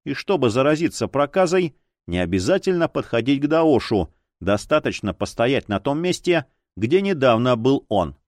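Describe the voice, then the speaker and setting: A male narrator reads an audiobook with a lively, rising and falling delivery. His voice sits at an ordinary pitch, and the recording is close and dry with no room sound. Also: normal speed, dry recording.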